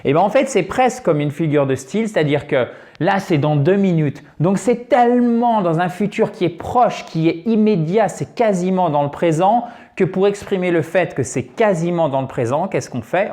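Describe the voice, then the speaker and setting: A man teaching an English grammar lesson on video, lively and chatty, often checking in with his viewers. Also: high-pitched, moderate pace.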